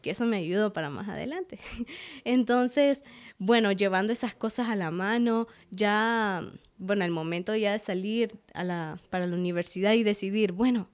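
A woman's voice: mid-range voice, normal speed. A young adult woman, a guest artist, telling her story in a casual interview and acting out her past words. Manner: animated, acts out her own past words.

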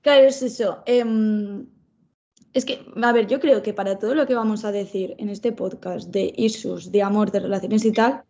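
A woman's voice: medium pitch, fairly even intonation, normal speed, dark tone. A young woman, co-hosting a casual podcast over a video call, chatty and slangy. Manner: chatty, slangy, fillers like "en plan" and "tía". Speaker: podcast co-host.

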